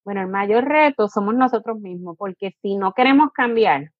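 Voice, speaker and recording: A positive discipline educator and coach from Puerto Rico answers interview questions, explaining patiently and sometimes acting out what a parent or child says. Her medium-pitched voice is animated and moves at normal speed, recorded without echo but with the highs cut off.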